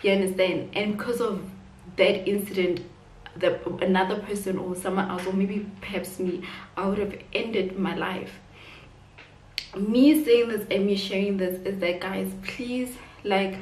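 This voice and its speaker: A woman's voice: medium pitch, steady tone, a little slow, a little mellow, far from the mic. A young woman chats through a personal story, looping back with fillers as she goes. She sits some way off the camera's own mic in a roomy space. A faint hiss stays in the background. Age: 20s. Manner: rambling, filler-heavy retelling with "like" and "whatsoever". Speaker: vlogger.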